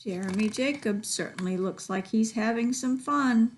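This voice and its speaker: Reading to kids at the library, a woman with a voice on the high side keeps a moderate pace. She gives the story plenty of expression and breaks off now and then to talk with her young audience about the pictures.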